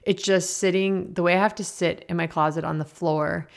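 Female podcast host, low register, chatty and informal, speaking at a desk mic in a small basement office. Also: fairly even intonation, normal speed, vocal fry. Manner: chatty, informal, laughs easily. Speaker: podcast host and energy healer. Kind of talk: casual podcast chat. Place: small basement office indoors, slightly echoey. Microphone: podcast microphone at a desk.

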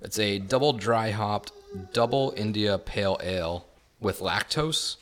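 A man with a low voice joins a casual podcast conversation. He speaks in an easygoing, plain way, keeping his remarks short and relaxed. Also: measured pace, a little hiss or hum. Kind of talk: casual chat.

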